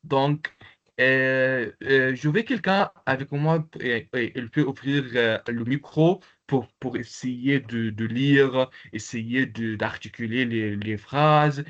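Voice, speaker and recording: A male teacher gives a lesson over a video call, explaining step by step with many pauses and repeated words. His voice sits at a middling pitch. The audio is slightly dull and lo-fi. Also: fairly bright tone. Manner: hesitant, repeats words, slow careful explanations. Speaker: Arabic teacher. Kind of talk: online language lesson.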